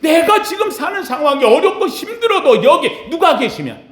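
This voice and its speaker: Male pastor, high and very animated delivery, sermon in a reverberant sanctuary. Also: moderate pace. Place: church sanctuary. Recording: echoey church sanctuary.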